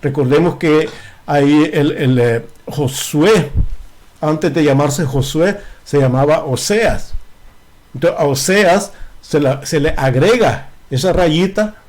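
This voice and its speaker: A man's voice: on the high side, slow, darkish tone. A man preaching a Bible study in a church, emphatic and explanatory, often restarting and repeating words. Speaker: lay preacher.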